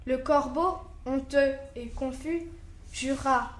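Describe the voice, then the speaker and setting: A woman narrating a classic fable in a slow, careful recitation. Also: high-pitched, reverberant.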